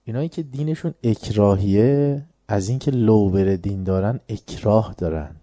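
A man's voice: lowish voice, dark tone, dry recording, studio quality. A man giving an informal religious lecture as a preacher, talking conversationally and often putting rhetorical questions to his listeners.

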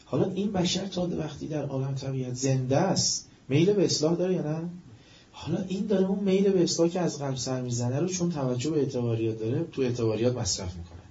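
A man's voice: on the high side, warm tone. Man giving an emphatic religious lecture, echoey. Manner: rising to emphatic peaks, drawn-out stresses. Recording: echoey room, dull lo-fi sound.

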